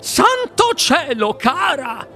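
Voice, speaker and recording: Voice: sits high, big pitch swings, a little slow, sharp tone, soft background music, pitched above the performer's own voice, full character voice. A reader doing a doting, gushing mother. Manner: gushing, mildly scolding. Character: doting, proud middle-aged mother.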